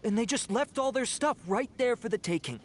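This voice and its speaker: A man's voice: very high voice, expressive, a little fast, faint music behind. A man voicing a cowardly small-time bandit in a video game, by turns blustering and sheepish. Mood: sheepish, pleading. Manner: hesitant, stammering, self-justifying.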